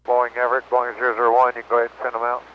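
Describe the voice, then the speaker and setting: A man's voice: medium pitch, monotone, very fast. Man on crackly, muffled walkie-talkie radio. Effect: crackly two-way radio. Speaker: test pilot. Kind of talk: radio check-ins and test updates. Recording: dull lo-fi radio with noise.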